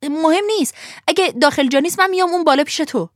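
A woman doing a rowdy, excitable rascal boy. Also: sits high, dry recording, clean studio sound, pitched above the performer's own voice, natural voice. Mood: excited. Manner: fast, shouting, excited. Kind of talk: storybook narration.

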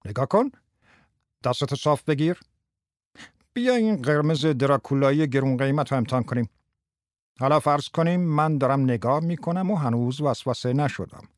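A man voices a brash older tie salesman in an audiobook, lightly acted, as the character swaggers through a lesson with a boy, talking fast and teasing him. The lively coaching banter swings between loud, showy patter and low asides, recorded close and dry with no room around it.

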